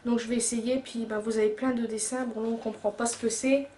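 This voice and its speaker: A woman's voice: a little high, little pitch movement, a little fast, mellow. A young woman chatting casually in a haul vlog, gushing over her purchases with lots of fillers and repeated exclamations. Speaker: YouTuber. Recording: echoey room with faint background hum.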